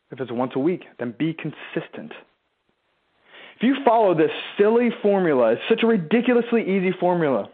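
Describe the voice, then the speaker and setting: A man coaches his followers in a casual, emphatic talk, and his mid-range voice rises whenever he asks a rhetorical question. He mimics his listeners' objections in a whiny voice before answering them himself. The sound is thin and boxy, like a phone call. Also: medium pitch. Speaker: business and marketing coach. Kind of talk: motivational live talk to followers. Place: a room at home, seated in a chair. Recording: tinny phone-like line.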